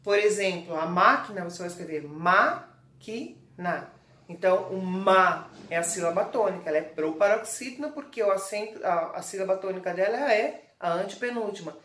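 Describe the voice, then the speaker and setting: A woman's voice: mid-range voice, fairly quick, few pauses, a bit bright, reverberant. A woman teacher with a Brazilian Portuguese accent giving a recorded online lesson to children, explaining patiently and checking in often. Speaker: primary school teacher.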